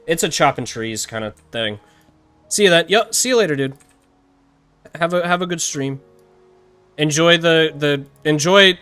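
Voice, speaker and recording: A man's voice: a little high, a bit bright, clean tone, no echo. A man live-streaming a game, rambling and chatting with viewers, often laughing and tripping over his words. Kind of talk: live-streamed gameplay chat.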